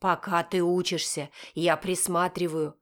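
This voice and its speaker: A woman's voice: on the low side, steady tone, unhurried. A woman voicing a stern, bitter middle-aged father in an audiobook, speaking in curt, accusing bursts. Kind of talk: audiobook character voice.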